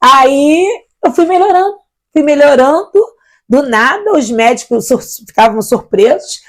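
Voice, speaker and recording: A woman's voice: sits high, unhurried. A middle-aged woman, a missionary guest, telling her personal faith testimony and acting out the voices of the people in it. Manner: animated storyteller acting out quoted voices.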